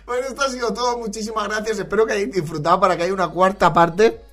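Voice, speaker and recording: A man's voice: high voice, steady tone, fast, a bit bright, soft background music. A man hosting a comedy podcast, rambling and laughing often as he comments on clips. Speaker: podcast host.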